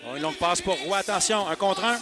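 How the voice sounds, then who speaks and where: A man calling hockey play-by-play with excitement, in clipped phrases that build to drawn-out exclamations. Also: high voice, a crowd in the background. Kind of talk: excited sports commentary. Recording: noisy arena broadcast. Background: loud arena noise.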